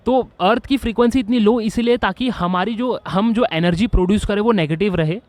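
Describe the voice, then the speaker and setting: Earnest, excitable man explaining ideas. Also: high-pitched, no echo. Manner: earnest, mixes English phrases into Hindi; excitable, with frequent restarts and fillers. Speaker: video host. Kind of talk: casual explainer monologue.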